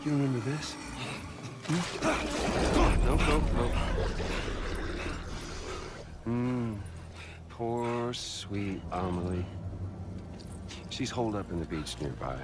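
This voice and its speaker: An actor playing a theatrical, menacing masked villain in a video game, mockingly sweet, with a hushed drawl that swings into sudden bursts. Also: male voice, mid-range voice, slow pace, long pauses, very noisy, close to an everyday voice. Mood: taunting. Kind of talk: video game cutscene acting. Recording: loud music under the voice.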